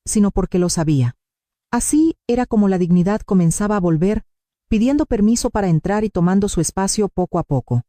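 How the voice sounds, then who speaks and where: A woman reading a first-person story as narrator, in calm, measured scripted narration. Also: medium pitch, no room sound, studio quality.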